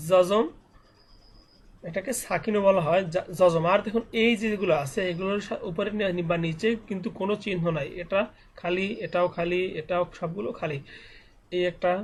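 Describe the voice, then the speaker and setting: High-voiced man teaching Quran letter reading. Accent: Bangladeshi Bengali. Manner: slow, methodical letter-by-letter spelling with explanations. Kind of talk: spelling-out recitation lesson.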